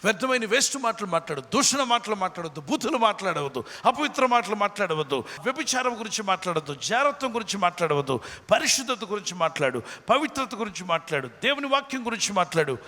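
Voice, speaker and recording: A man's voice: high-pitched, very animated, quick pace, bright, forceful tone. A man preaching a sermon earnestly, with homely examples, who builds into fervent prayer. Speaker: pastor. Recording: long hall reverb with faint music.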